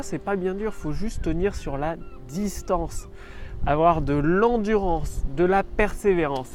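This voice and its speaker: Standing on a rock outdoors on an island, a man with a cold gives business coaching in a casual vlog. His voice is high-pitched, and he repeats his points emphatically.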